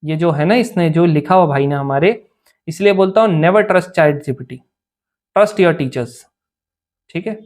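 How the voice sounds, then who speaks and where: A man's voice: fairly high pitch, animated, takes it slowly, a little mellow. A young man teaching English grammar for an exam in casual Hindi mixed with English, often checking whether students follow. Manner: chatty, asks students "clear?" often. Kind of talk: informal Hindi-English lesson.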